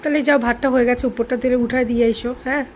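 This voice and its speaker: Home vlogger, young woman, bossy and teasing, bright high voice, talks fast. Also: fairly even intonation, a little hiss or hum. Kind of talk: casual home vlog. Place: home indoors.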